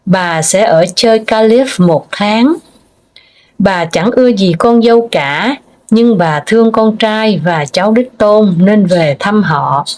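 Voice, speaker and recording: A woman narrates a family story at an unhurried, deliberate pace. Her voice sits at a middle pitch and she reads steadily. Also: darkish tone. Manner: slow, measured reading.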